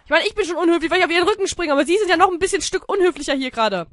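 German-accented woman gaming host, playful and goofy, high and sharp in tone. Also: animated, racing, dry recording, clean studio sound. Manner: silly, bursts of shouting, narrates in mock-story tone. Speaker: gaming YouTuber. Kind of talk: playful let's-play commentary.

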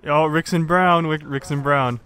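A man's voice: fairly high pitch, fairly even intonation, measured pace, fairly bright tone, smooth. A young man chatting over a headset while gaming, exasperated, laughing often and swearing. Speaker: gamer in party chat. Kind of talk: casual chat while gaming.

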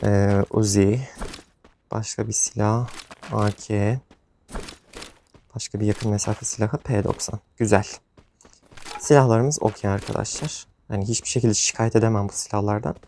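A man's voice: fairly low pitch, steady tone, moderate pace, long pauses, warm tone, slight background noise. A young man giving casual commentary over his own gameplay, often exasperated and venting to viewers. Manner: frustrated, exasperated outbursts, rambling to viewers. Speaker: gaming YouTuber.

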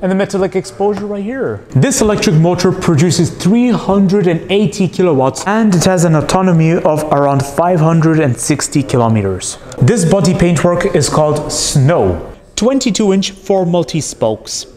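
A man's voice: sits high, animated, moderate pace, a little mellow. A man giving a casual, candid car review walkthrough, chatty with frequent fillers.

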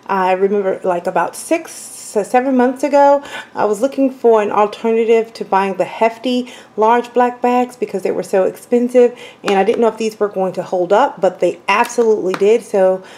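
A woman's voice: mid-range voice, moderate pace, a little mellow, slight background noise, rough recording. A woman with a mid-range voice runs through her haul item by item, chatty and enthusiastic. She speaks from her home kitchen to a camera mic off screen. A faint patter of rain sits behind her. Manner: chatty, enthusiastic product rundown. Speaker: vlogger. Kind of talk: grocery haul vlog. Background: rain outside.

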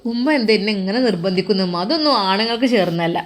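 A woman's voice: medium pitch, racing, lightly acted. A woman voicing a grown son who reasons and mildly protests with his mother, in a Malappuram Malayalam accent. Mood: protesting. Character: grown son, dutiful and a bit stubborn.

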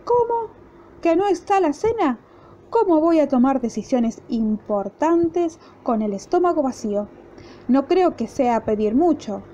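A grumbling, whiny husband from a fairy tale, put on by a woman storyteller with an Argentine accent. He complains in a high, mellow voice. The recording is dull and lo-fi with a faint hiss. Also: lively intonation, a little slow. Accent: Argentine Spanish. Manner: gruff and whiny. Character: grumpy, complaining middle-aged husband.

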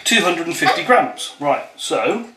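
A playful man talks through a home baking session, joking as he explains each step. The room is bright with echo, and pots, cutlery and dishes clatter clearly behind him. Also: fairly high pitch, big pitch swings, a little slow, heavy background noise. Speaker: father and vlogger. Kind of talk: casual home cooking vlog. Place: home kitchen. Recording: echoey kitchen with clattering dishes. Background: clinking cutlery, pots and dishes.

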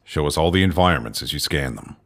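In an audio drama, a male actor plays a stern, watchful mission leader, speaking in a commanding, deliberate way. His very deep voice is gravelly and husky yet expressive, with a fairly bright tone.

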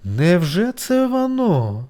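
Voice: mid-range voice, very animated, unhurried, pitched above the performer's own voice. A storyteller voicing a fretful, chatty female caterpillar who complains and whines in a bedtime story. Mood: anxious. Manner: whiny, tearful complaining. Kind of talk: storybook character voice.

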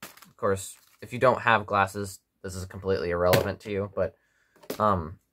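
A tired young man chatting casually to camera in a rambling, low-key way at home. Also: fairly even intonation, moderate pace, background noise. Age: young adult. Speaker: gas mask reviewer. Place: small living room at home, indoors.

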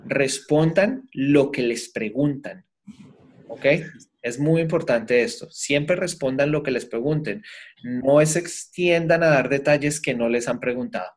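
A man's voice: medium pitch, moderate pace. A man co-hosting a citizenship lesson, explaining advice and reading out questions. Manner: explanatory, gives practical advice. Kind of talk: bilingual lesson.

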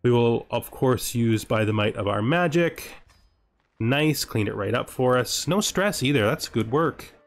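A man of medium pitch hosts a strategy game let's-play, speaking in an animated way but a little slowly, with soft music underneath. He reads out event text and thinks aloud in a casual manner, asking himself questions.

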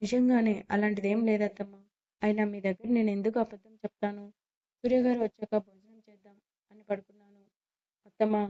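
A woman's voice: mid-range voice, steady tone, fairly quick, mellow, lightly acted. A woman voicing a dutiful young daughter-in-law. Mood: subdued. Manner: polite and reassuring. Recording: slightly muffled lo-fi recording.

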